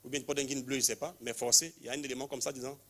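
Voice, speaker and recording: Man, lay preacher, commanding, repetitive, mid-pitched voice. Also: level tone, racing, fairly bright tone. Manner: commanding, repeats short phrases, calls people forward, leads call-and-response prayer. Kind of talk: charismatic healing service, prophetic calling.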